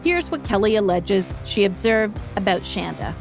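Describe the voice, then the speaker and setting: A woman narrates a true-crime podcast in a measured, steady voice, reading from a script. Clear music plays under her. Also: medium pitch.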